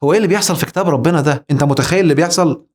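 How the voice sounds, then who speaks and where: Egyptian male lecturer, slightly high voice, emphatic and rhetorical. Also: rapid-fire. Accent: Egyptian Arabic. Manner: emphatic, rhetorical, addresses the listener directly. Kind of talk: religious lecture.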